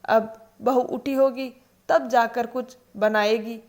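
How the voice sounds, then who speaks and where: Woman reading a put-upon older mother, soft-spoken and resigned, fairly high voice; storybook read-aloud. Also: steady tone, slow.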